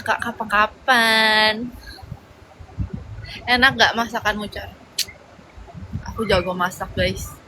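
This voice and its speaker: Rambling through a casual livestream chat, a young woman answers viewer comments with slangy fillers. Her slightly high voice comes across bright and forceful, while the poor phone-mic audio carries a faint hum of noise behind her.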